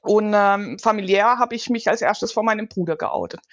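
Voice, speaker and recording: A woman's voice: mid-range voice, moderate pace, lo-fi sound. A woman in her forties, a guest in a casual podcast interview, giving brief, matter-of-fact answers. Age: 40s.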